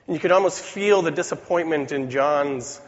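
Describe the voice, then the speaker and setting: Man preaching, weak cold-worn voice, echoing hall. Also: fairly high pitch. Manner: earnest, deliberate, with rhetorical questions. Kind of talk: sermon. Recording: dull recording in reverberant hall.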